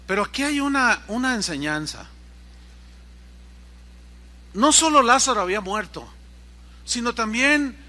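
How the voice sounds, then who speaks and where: High, bright-voiced man preaching. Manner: storytelling preacher who acts out the dialogue. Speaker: pastor. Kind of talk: sermon. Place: church service.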